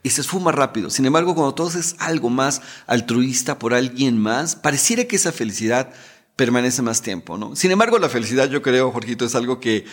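A man's voice: mid-range voice, expressive, fairly quick. A middle-aged man, a guest telling his story in an emotional way, repeating words and adding tag questions. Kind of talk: storytelling interview talk.

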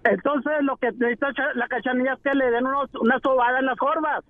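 A man's voice: extremely high pitch, steady tone, fast, no echo, narrow, tinny audio. A man calling in to a radio show as a trucker, folksy and jokey. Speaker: caller, trucker. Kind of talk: joking call-in chat.

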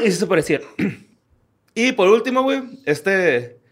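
A man with a Mexican accent and a voice a little higher than average. He hosts a loose, casual chat, sharing odd stories in profane, slangy, informal language. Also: very animated, slow pace, fairly bright tone. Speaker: podcast host.

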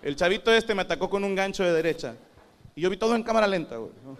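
A man's voice: high-pitched, lively intonation, quick pace, a little hiss or hum. A man with a northern Mexican accent delivering a crude, self-mocking stand-up comedy monologue. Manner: crude, self-mocking, acts out quoted voices.

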